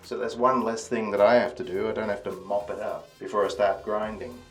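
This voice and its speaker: A man's voice: fairly low pitch, little pitch movement, brisk, faint music behind. Man talking in an echoing enclosed space. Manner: chatty and offhand, talking to the camera while working. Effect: echoing reverb of an enclosed space. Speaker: DIY vlogger. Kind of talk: casual self-filmed chat.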